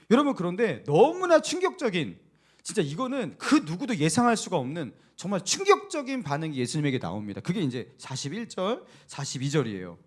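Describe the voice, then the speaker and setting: A man, a senior pastor, preaching a sermon, telling the story with animated asides and asking the congregation questions. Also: sits high. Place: church sanctuary.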